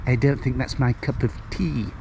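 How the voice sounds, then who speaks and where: A mid-range male voice with vocal fry and fairly even intonation moves at a moderate pace, though the audio is dull and the background noisy. The speaker, a man in his sixties with a Northern English accent, chats folksily and at length on a walking vlog along a seafront street, filmed on a handheld camera.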